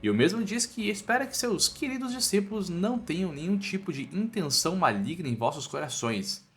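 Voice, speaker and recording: Over background music, a man with a Brazilian accent narrates a scripted comic story recap in a playful, colloquial way. His voice is high, his intonation lively and his pace brisk.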